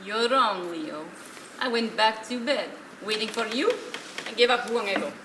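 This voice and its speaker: A woman acting a sardonic old woman on stage uses her natural high voice, expressive and at normal speed, sounding dismissive. She delivers scolding, dryly sarcastic dialogue with Yiddish-tinged phrasing, picked up by a distant microphone in a noisy, echoing theatre.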